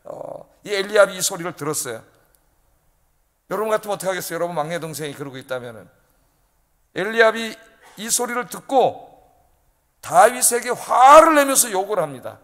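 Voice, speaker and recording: A male pastor preaching in a fairly high voice, pressing his points hard and tossing rhetorical questions at his listeners. His words ring out with the long reverb of a church sanctuary. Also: lively intonation, brisk, pauses often, a bit bright. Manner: emphatic preaching, often prodding the congregation with rhetorical questions. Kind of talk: sermon.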